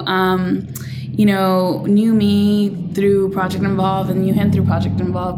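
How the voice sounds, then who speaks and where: Animated woman telling her story. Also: mid-range voice, background noise. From Los Angeles, USA. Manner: animated storyteller, many fillers and restarts. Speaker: guest, screenwriter. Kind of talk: interview storytelling.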